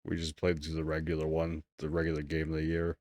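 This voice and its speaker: A man's voice: very deep voice, monotone, fast talker, a little mellow, no echo. A man co-hosting a podcast in loose, casual chat, swearing freely and rambling. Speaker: podcast co-host.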